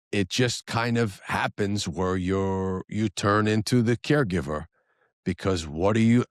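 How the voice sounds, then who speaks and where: Low-voiced man on a solo podcast. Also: no echo, studio quality. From New Jersey area. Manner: conversational, frequent restarts and asides. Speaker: podcast host.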